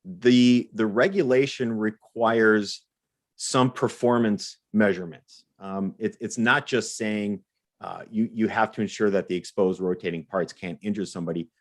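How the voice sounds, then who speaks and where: Co-hosting a live Q&A, a man with a fairly low voice talks viewers through the rules in an unhurried, fairly even way. His explanations are methodical, though he often trips on a repeated word while restarting before he gets his point across.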